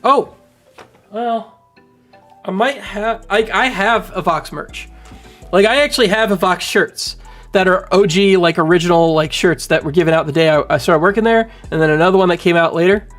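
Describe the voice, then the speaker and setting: A man's voice: sits high, normal speed, soft background music. Rambling man in his thirties streaming. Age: 30s. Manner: rambling, animated, filler-heavy. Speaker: livestreamer. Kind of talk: casual livestream commentary. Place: home room. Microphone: studio mic on boom arm.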